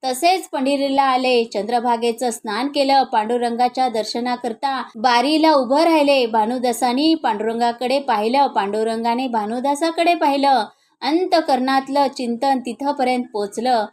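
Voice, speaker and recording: High-voiced woman telling a devotional tale. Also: moderate pace, a little mellow. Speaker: devotional storyteller. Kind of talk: devotional kirtan storytelling.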